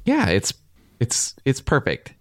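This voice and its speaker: A man co-hosting a podcast who talks with enthusiasm, often pausing to search for his words. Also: medium pitch, huge pitch swings, dry recording, clean studio sound. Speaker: podcast co-host. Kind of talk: casual chat.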